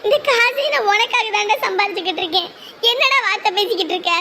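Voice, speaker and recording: A woman's voice: very high-pitched, lively intonation, quick pace, bright, forceful tone, slight background noise, full character voice. A woman voicing a thrifty village mother who laments and scolds in broad rural speech. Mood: pleading.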